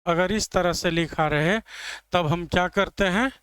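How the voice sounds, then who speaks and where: A man's voice: high voice, unhurried, a bit bright, no echo. A man explaining English grammar in a classroom lecture, checking understanding step by step. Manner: explains step by step, asks students "clear?". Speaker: English teacher.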